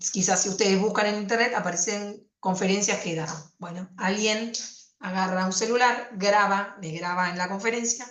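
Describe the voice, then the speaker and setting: A woman's voice: medium pitch, fairly even intonation, moderate pace, fairly bright tone, reverberant. A woman prosecutor giving a university lecture on consumer law, explaining conversationally with fillers and rhetorical questions.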